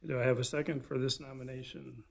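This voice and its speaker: Measured, gravelly man chairing a formal meeting. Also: medium pitch, little pitch movement. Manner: measured, procedural. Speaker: commission chair presiding over meeting. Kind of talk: formal procedural meeting talk. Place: public meeting room.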